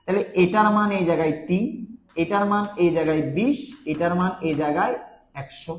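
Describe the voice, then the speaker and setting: A male tutor with a slightly high voice, teaching an online lesson in a chatty, coaxing manner. He repeats his key points again and again. His voice rings in a roomy, echoey space. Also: a little fast, slight background noise. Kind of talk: online class lecture.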